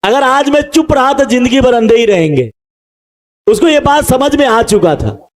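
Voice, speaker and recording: High-voiced man preaching with animation. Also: normal speed. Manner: animated preaching, calls out to the congregation and acts out the crowd. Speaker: pastor. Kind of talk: sermon.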